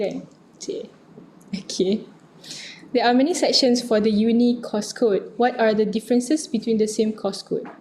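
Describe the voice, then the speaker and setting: A young Malaysian woman with a Malaysian accent answers student questions in a casual online session, her voice a little high and mellow against slight background noise. She reads each question aloud before answering, switching between Malay and English.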